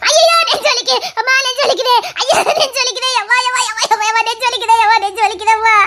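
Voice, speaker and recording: A woman's voice: very high-pitched, fairly even intonation, fast, heavy background noise. A woman performing a family comedy skit, wailing and crying out in exaggerated mock distress. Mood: comic wailing.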